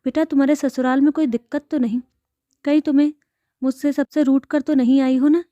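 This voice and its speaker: A woman's voice: high voice, fairly even intonation, brisk, dry recording, lightly acted. Worried mom in a sad story, woman doing the voice, soothing, dull lo-fi. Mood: coaxing. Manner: soothing, gently coaxing. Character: worried caring middle-aged mother.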